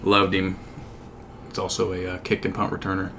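A man co-hosting a casual sports podcast, talking in halting, hesitant phrases. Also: low voice, completely flat delivery, a bit bright, a little hiss or hum. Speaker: podcast co-host.

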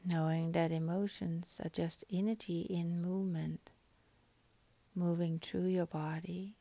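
A woman guiding a meditation in a soft, breathy, half-whispered, calming voice, speaking in short phrases with long pauses. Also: lowish voice, dry recording. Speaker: meditation guide. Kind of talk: guided meditation.

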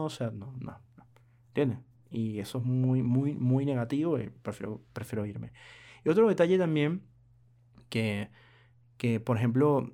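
A young man tells a story straight to his viewers, his voice mellow and warm at a mid pitch. He rambles through it with frequent hesitations and little asides to the audience. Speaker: vlogger.

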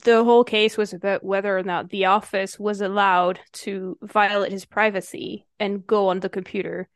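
A woman's voice: mid-range voice, little pitch movement, moderate pace, no room sound. Woman co-host musing in dry sound. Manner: reflective, goes off on analytical tangents. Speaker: podcast co-host. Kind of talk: casual chat.

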